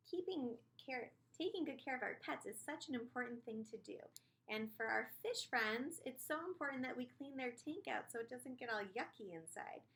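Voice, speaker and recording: A woman preschool teacher leading young children through a morning lesson, speaking in a measured, encouraging way as if teaching a child to count. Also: high-pitched, a bit bright.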